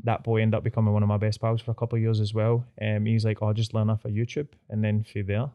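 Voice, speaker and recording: A man's voice: on the low side, monotone, quick pace, clear, resonant tone, lo-fi sound. A man with a Glasgow street accent chatting casually as a podcast guest, telling personal stories in slangy, sweary speech peppered with "mate". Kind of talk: casual chat, personal anecdotes.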